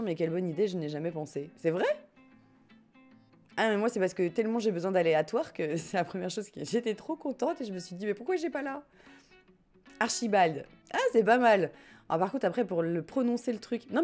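A woman's voice: mid-range voice, lively intonation, a little fast, darkish tone, faint music behind. A woman with a French accent chatting casually as she streams a life-sim game and reads her chat, joking and often laughing. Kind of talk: casual gameplay commentary, reading chat.

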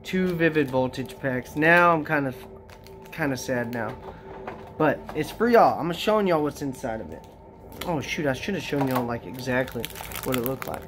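Excitable slangy card-opening vlogger. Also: medium pitch, normal speed, music in the background. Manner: excitable, slangy, addresses viewers directly. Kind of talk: casual unboxing chat.

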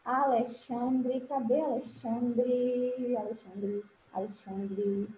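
High, affectionate woman teacher on a video call. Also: steady tone, drawn-out words. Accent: Brazilian Portuguese. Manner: affectionate, encouraging, pet names. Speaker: English teacher. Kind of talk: online class with children. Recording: roomy, dull video-call audio with faint hiss.

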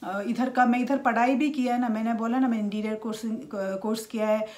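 A woman, talking casually to camera in a halting way with many restarts. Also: on the high side, steady tone, darkish tone. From India. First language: Malayalam. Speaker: vlogger.

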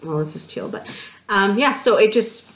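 A Canadian woman co-hosts a podcast from her home craft room, speaking into a desk camera. She talks in a lively, joking way, often laughing at herself, with a mid-pitched voice. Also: moderate pace. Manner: lively, laughing, self-mocking chatter. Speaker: podcast co-host. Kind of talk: casual podcast chat.

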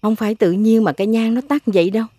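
A woman's voice: fairly high pitch, steady tone, fast, warm tone, dry recording, close to an everyday voice. An actress playing a worried, superstitious older mother with a Southern Vietnamese accent, talking in a fretful, pleading way. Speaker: family matriarch.

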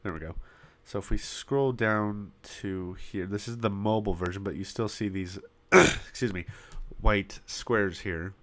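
A man with a lowish voice, which he is losing, hosts a web design tutorial and explains building a website step by step. The casual screen-recorded walkthrough is full of pauses, and he coughs into a popping desktop mic now and then.

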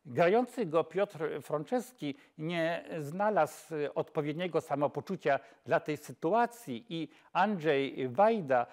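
An older man talks as a film expert in a slightly raised pitch. He speaks in measured phrases, often pausing and correcting himself mid-word. It sounds like a lapel mic in a quiet studio. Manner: measured, with frequent hesitations and self-corrections. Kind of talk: film lecture. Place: dark studio, seated on camera.

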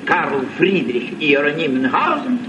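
A man's voice: fairly high pitch, very animated, normal speed, distant mic. A man playing an eccentric, courtly, boastful baron in a vintage radio play. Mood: eager, courtly. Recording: muffled old radio recording, loud crowd.

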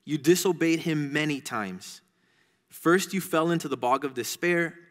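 A storybook dragon taunts slowly, piling up accusations, read out by a man. His voice carries a long reverb, as if in a large church. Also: on the high side, fairly bright tone. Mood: taunting. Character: mocking accusing male dragon.

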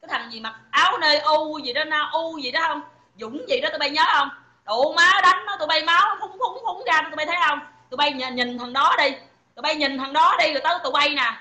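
Speaking in a high, brisk voice with a roomy sound, a woman with a Southern Vietnamese accent rants angrily on a phone livestream. She shouts profane insults and taunts her listeners.

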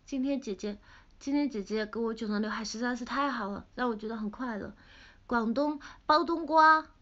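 A young woman with a Sichuan-flavored Mandarin accent, chatting playfully on a livestream and reading comments, pouty and quick to laugh. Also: on the high side, fairly bright tone. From Sichuan, China. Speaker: idol livestreamer. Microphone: phone camera. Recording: dull lo-fi livestream audio.

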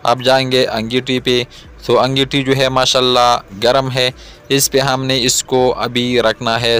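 A man in his thirties from Pakistan, hosting a cooking video and calmly explaining each step to viewers outdoors. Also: medium pitch, smooth. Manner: calm, repetitive explaining, addresses viewers directly. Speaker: cooking channel host. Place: outdoors in a garden yard.

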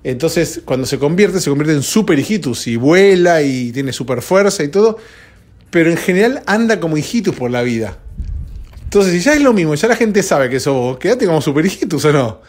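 A man's voice: on the high side, big pitch swings, brisk. A sleepy man with a Rioplatense Spanish accent, rambling conversationally as a podcast host, recorded at home at dawn. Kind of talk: solo podcast chat.

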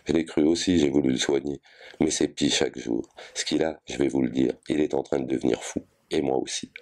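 Guy reading her as a bitter worked-up wife, talks nonstop, real low dark voice. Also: fairly even intonation, creaky. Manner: voluble, ranting without pause. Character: overwrought colonial wife, bitter, volatile.

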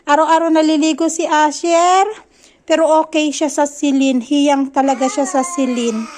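A woman's voice: high-pitched, little pitch movement, moderate pace, darkish tone, slight background noise. A woman chatting casually in a family vlog, narrating her errands and talking to her child while out at a market. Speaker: vlogger. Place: outdoor market.

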